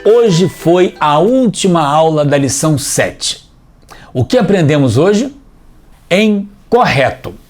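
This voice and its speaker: A man teaching a scripted TV language lesson for children, explaining clearly and patiently, step by step. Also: a little high, a little mellow.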